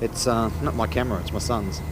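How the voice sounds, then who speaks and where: A man's voice: mid-range voice, fairly even intonation, brisk. An Australian man giving a laid-back, hesitant, rambling commentary while riding a motorcycle, his voice enclosed inside a helmet. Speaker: motorcycle vlogger. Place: on a moving motorcycle, outdoors. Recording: loud engine and road noise.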